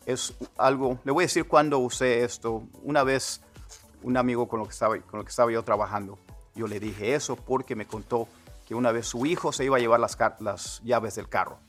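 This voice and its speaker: A man, a native Spanish speaker, teaching English phrases, repeating words slowly so learners can copy them. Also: mid-range voice, fairly even intonation, a bit bright, soft background music. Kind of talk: Spanish-language English lesson.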